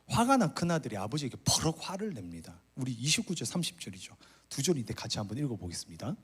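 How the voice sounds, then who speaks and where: A man's voice: mid-range voice, quick pace, husky. A man preaching a sermon as a pastor, telling a story and acting out the characters' complaints. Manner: animated storytelling, acts out the older son's complaints. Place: church retreat hall.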